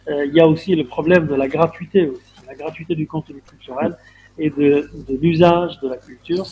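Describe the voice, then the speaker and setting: A man moderating an online panel discussion over a video call, speaking in a halting conversational way full of fillers and repeated words. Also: fairly high pitch, fairly even intonation. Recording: dull lo-fi video call audio with faint noise.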